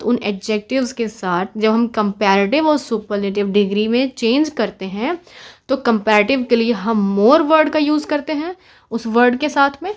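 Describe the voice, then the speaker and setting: A woman teaching English grammar for exam prep in Hindi and English with an Indian accent. She spells words out letter by letter and keeps checking in with "ठीक है". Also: on the high side.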